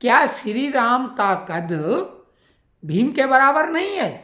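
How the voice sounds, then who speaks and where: A woman with a fairly high voice delivers an opinionated political monologue. She stacks up pointed rhetorical questions as she goes. Her voice rings with the echo of a roomy space. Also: very animated, takes it slowly, fairly bright tone. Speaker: political commentator.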